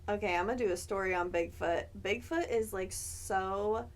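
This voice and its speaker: A woman's voice: medium pitch, moderate pace. A woman co-hosting a podcast in casual chat, eager and upbeat with frequent giggles. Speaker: podcast co-host.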